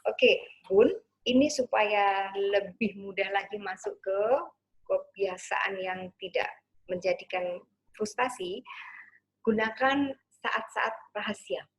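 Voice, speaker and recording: A woman parenting coach giving a gentle online talk, sometimes acting out soothing words to a child. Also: medium pitch, slow pace, breathy edge.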